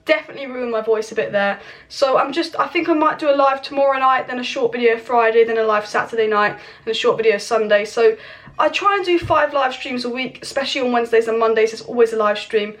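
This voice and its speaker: A young football channel host talks fast at a fairly high pitch, giving a laid-back transfer news update from home while kitchen clatter sounds nearby. She's losing her voice, so it's hoarse, and she chats opinionatedly straight to viewers through a camera mic.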